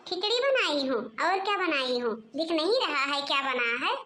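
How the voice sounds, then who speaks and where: A sharp-tongued young cartoon daughter-in-law, voiced by a woman, snapping back rudely and sarcastically. Her voice sits high and impatient, with a scolding bite. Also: sing-song, normal speed, exaggerated voice. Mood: snappy. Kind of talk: cartoon voice acting.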